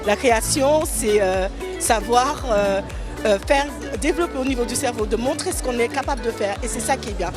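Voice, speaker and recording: A woman's voice: on the high side, fairly quick, over music. A woman fashion designer and children's author, answering at length with many hesitations and fillers. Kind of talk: interview at a fashion show.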